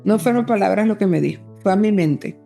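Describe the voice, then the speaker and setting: A woman's voice: mid-range voice, a little fast, creaky, dark tone, faint music behind. A woman guest telling a personal story in an interview, in an earnest and emotional way, often acting out remembered dialogue.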